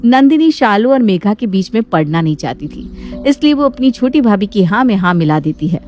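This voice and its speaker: A woman narrating a moral cartoon story in an expressive, teasing storyteller manner. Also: mid-range voice, fairly quick, soft background music.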